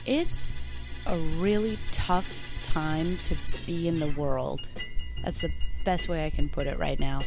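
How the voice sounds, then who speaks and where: A woman with an American accent and a low voice hosts a podcast introduction. She talks informally and intimately, straight to her listeners, over faint background music. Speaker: podcast host.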